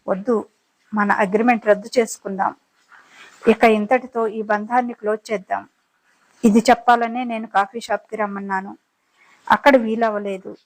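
A fed-up young woman speaks her mind plainly in a spoken audiobook drama, as a woman narrator performs her. She is serious and sharp-tongued. Her voice stays close to the narrator's own pitch. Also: lightly acted, poor audio.

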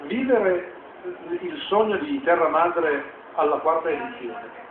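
A man's voice: fairly high pitch, expressive. Formal male news reporter. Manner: measured, formal delivery. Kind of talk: scripted news narration. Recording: echoey, tinny, noisy broadcast audio.

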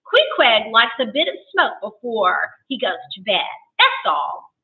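A woman reads aloud as an unhurried innkeeper with a calm, soothing manner. The storybook voice has a tinny, phone-like sound and seems a little distant. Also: a little high. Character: calm, amused male innkeeper.

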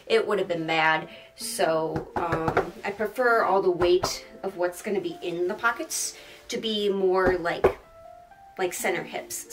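A woman's voice: medium pitch, distant mic. A young woman who sounds sleep-deprived, goofy and rambling as she chats casually to camera about her craft. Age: young adult. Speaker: sewing vlogger. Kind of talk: casual sewing vlog talk to camera. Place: small bedroom, indoors.

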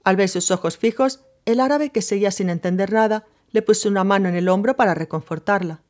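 Woman reading a novel out loud, steady and measured, mid pitch. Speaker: audiobook narrator. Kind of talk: scripted novel narration.

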